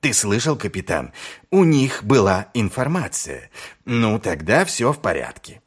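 A man reading aloud as a world-weary male watch commander, middle-aged and sardonic. His voice sits low and quiet, with dry mockery in every line. An audiobook character voice. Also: sing-song, a little slow, husky, exaggerated voice. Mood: mocking. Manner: dry, mocking, low and subdued.

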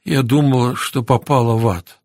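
A man reading the lines of a weak, remorseful young woman in a hospital bed, speaking quietly and in a subdued, near-whispered way. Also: mid-range voice, steady tone, moderate pace, dry recording, studio quality, natural voice. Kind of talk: audiobook character reading.

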